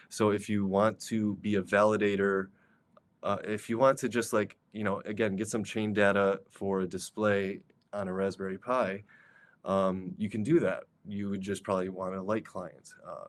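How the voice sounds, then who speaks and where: A man gives a virtual conference talk over a video call, in a low and rather monotone voice. He speaks casually, with frequent fillers and restarts.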